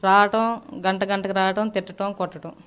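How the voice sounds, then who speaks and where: Fast-talking aggrieved woman interviewee. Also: medium pitch, level tone, a crowd in the background. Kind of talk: interview complaint.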